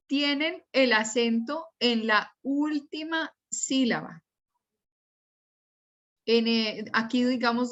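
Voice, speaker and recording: A woman's voice: on the high side, a bit bright, highs cut off. A woman teacher giving a patient, step-by-step class lecture and repeating examples to her students. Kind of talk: slow, explanatory class lecture.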